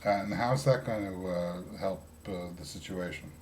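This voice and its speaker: A man interviewing in a comedy sketch, hesitating often with drawn-out fillers. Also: low-pitched, a little mellow. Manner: hesitant, full of "uh" fillers, dry.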